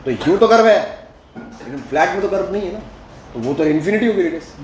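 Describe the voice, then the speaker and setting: A man's voice: high-pitched, animated, fast, darkish tone, roomy sound, a little hiss or hum, poor audio. A male physics teacher lecturing at a board, asking the class questions as he works through each step and mixing Hindi with English terms.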